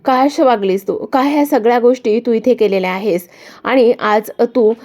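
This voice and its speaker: A woman's voice: a little high, normal speed, lightly acted. A woman reading as a furious jealous young woman. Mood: angry accusing. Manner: accusing, sharp rhetorical questions.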